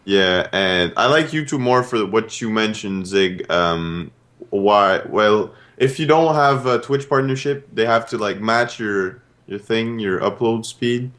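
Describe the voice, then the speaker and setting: Chill young guy, lowish voice, lots of ums, easygoing. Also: animated, unhurried, a bit bright. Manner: laid-back, hesitant with "uh" and "um". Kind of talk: casual chat.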